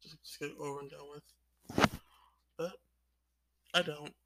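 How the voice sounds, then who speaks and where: A man's voice: fairly high pitch, level tone, measured pace, very noisy. A twenty-year-old man talking in a confessional vlog, rambling with lots of "like" fillers and sighs. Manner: rambling, full of "like" fillers, sighing. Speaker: vlogger.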